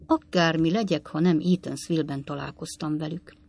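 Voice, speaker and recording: A woman reading aloud and voicing a cheeky, quick-witted young male manservant with breezy, polite remarks. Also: deep voice, steady tone, a little mellow.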